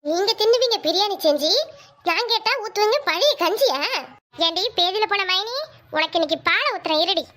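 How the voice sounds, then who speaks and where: A whiny, scheming young sister-in-law from a village cartoon comedy, voiced by a woman. Her voice is very high and bright, and she grumbles and wails over her troubles. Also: animated, a little fast. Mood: grumbling. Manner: wailing, complaining village comedy lament.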